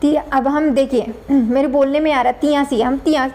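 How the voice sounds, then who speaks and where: Woman teacher, Rajasthani Hindi accent, slightly high, repetitive and chatty. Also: fairly even intonation, normal speed, dark tone. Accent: Rajasthani Hindi (Dhundhari). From Dhundhar region, Rajasthan. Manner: chatty, repeats words, tag questions. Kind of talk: online exam-prep lesson.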